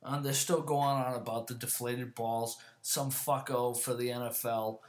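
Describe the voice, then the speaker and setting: A man's voice: little pitch movement, unhurried. Brief: male solo podcast host, casual rant, constant swearing, voice climbs when worked up. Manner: rants and gets louder and higher when annoyed. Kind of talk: casual ranting monologue.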